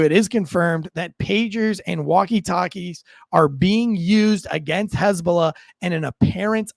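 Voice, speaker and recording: A man with a high voice gives halting, unscripted news commentary to his online viewers, repeating words often as he goes. The recording is dry.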